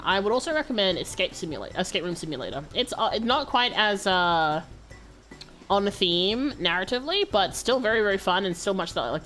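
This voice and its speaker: A cute, bubbly woman in anime-streamer style chats casually on a game stream. Her voice sits a little low for a woman and swings around in a lively way. Music plays behind her. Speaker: livestreamer.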